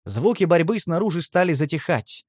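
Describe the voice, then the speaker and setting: A man narrates an audiobook in the first person with tense, driven delivery. His voice sits slightly high for a man. The recording is dry and close, with no room sound. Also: animated, normal speed, husky, dry recording.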